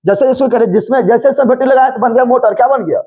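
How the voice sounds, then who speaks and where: A man's voice: very high-pitched, fast, dark tone, slightly rough. A male physics teacher, lecturing a class, repeating every question back to the students and scolding them playfully. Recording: dull lo-fi classroom recording.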